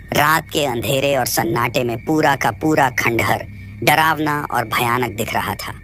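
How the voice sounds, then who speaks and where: A man narrating a scripted horror story in a steady, suspenseful way. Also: medium pitch.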